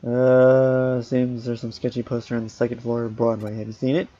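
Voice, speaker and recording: A man's voice: medium pitch, little pitch movement, moderate pace, mellow, dull audio. A man hosting a let's play, reading the game's dialogue aloud and tossing in casual offhand remarks. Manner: casual, reads on-screen dialogue with offhand asides.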